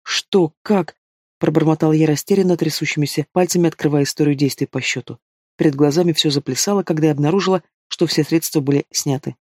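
A man reading a first-person story aloud as an audiobook narrator, in steady, even storytelling. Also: on the high side, fast, no echo, clean studio sound. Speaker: audiobook reader.

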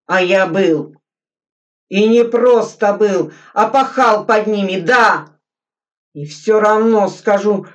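A woman voicing an angry, hardened young male soldier who shouts defiantly, on a muffled, distant recording. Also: medium pitch, voice pushed up.

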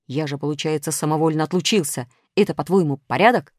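A woman's voice: deep voice, quick pace, no echo, clean studio sound. A woman voicing a strict male toy soldier who lectures about discipline, in an audiobook. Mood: stern reproach. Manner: stern, lecturing.

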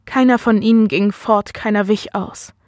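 Steady woman reading a story. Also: medium pitch, normal speed, no echo, clean studio sound. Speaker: reader.

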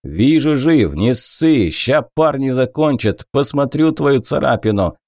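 A man voicing a gruff older male veteran warrior who talks bluntly and coarsely. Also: mid-range voice, animated, a little slow, darkish tone, dry recording, clean studio sound. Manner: blunt, coarse, matter-of-fact.

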